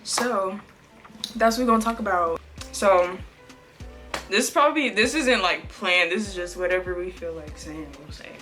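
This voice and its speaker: A bright, sharp-toned woman chats and giggles while eating on camera. She leads the conversation with easy questions. Soft music runs behind her. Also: medium pitch, animated, normal speed. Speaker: co-host of a mukbang channel. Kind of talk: casual chat while eating.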